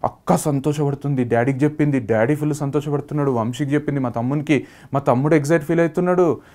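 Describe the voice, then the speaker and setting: A man with a Telangana Telugu accent, a startup founder telling a personal story in a lively way and acting out what his family said. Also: a little high, fast talker. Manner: lively, acts out family members' quoted lines.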